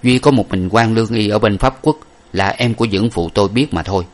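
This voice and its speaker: A man voicing an earnest young masked gentleman who speaks in a grave, measured way. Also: fairly low pitch, lightly acted. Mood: solemn.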